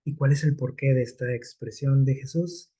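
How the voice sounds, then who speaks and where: A man's voice: medium pitch, moderate pace, warm tone, husky. A man preaching a sermon in a conversational way, often checking in with his listeners through rhetorical questions.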